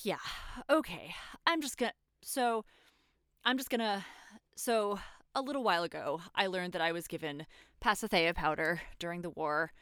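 A young woman acting a guilt-ridden former soldier who confesses by phone, talking haltingly, swearing, and sliding toward panic. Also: on the low side, sharp tone, smooth, dry recording, clean studio sound. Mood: reflective. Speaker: caller confessing to a priest. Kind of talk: audio drama acting.

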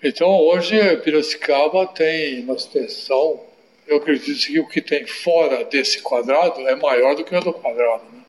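A man in his eighties reminiscing in an interview, telling stories in an unhurried way with tag questions. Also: fairly high pitch. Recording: echoey room.

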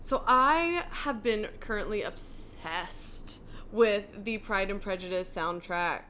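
Bright bubbly young woman co-host. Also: mid-range voice, animated, slight background noise. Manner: bubbly, gushing, quick laughs. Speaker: podcast co-host. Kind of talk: casual chat.

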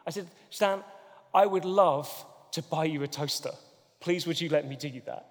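Male pastor, earnest storyteller, slightly high voice, long reverb of a church hall. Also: moderate pace. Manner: storytelling, earnest, builds to emphatic points. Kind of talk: sermon.

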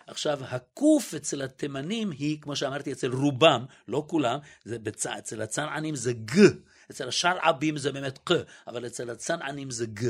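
A man's voice: medium pitch, breathy edge. Man sounding out letters one by one. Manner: methodical, demonstrates each sound aloud; hesitant, self-correcting. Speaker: guest linguist. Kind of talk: explanatory interview talk.

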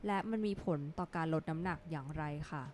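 A woman's voice: low voice, a little mellow. Woman doctor co-hosting a health podcast. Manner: explanatory, measured, with frequent affirming fillers. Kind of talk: casual health podcast chat.

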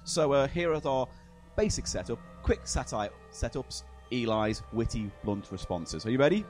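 A man's voice: medium pitch, expressive, moderate pace, darkish tone, faint music behind. A man hosting a comedy podcast, upbeat and laughing often. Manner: upbeat, laughs a lot, runs the segments. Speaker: podcast host. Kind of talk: comedic banter.

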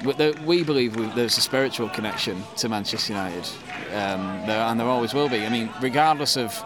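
Talking briskly in a mid-range voice, a Manchester-accented football fan in his thirties from England gives a casual interview with many ums and restarts. Both crowd noise and music can be heard behind him.

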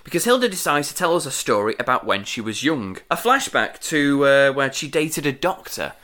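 Brief: male podcast co-host, animated pitch, bright tone, laughs easily. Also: normal speed. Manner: lively, giggly, loose storytelling. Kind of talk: casual chat recapping a TV episode.

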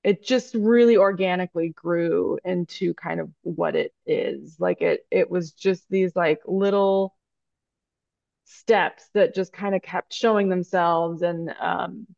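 A woman's voice: on the low side, fairly even intonation, slow pace, gravelly, darkish tone, no echo. A woman guest telling a long story in a casual interview, rambling with many fillers and restarts. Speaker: guest, stop motion animator. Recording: dry, dull lo-fi podcast audio.

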